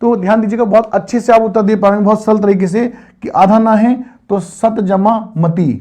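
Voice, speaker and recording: High-pitched male teacher, online grammar class, patient and repetitive quizzing. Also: fairly even intonation, brisk, a little mellow. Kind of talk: online Hindi grammar lesson.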